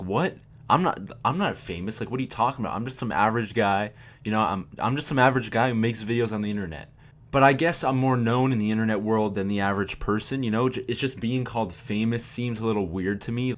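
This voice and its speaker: A young man giving a casual, candid commentary to his viewers, relaxed and chatty with frequent fillers. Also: fairly low pitch. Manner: laid-back, candid, with fillers like "man" and "you know". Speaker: YouTube commentator.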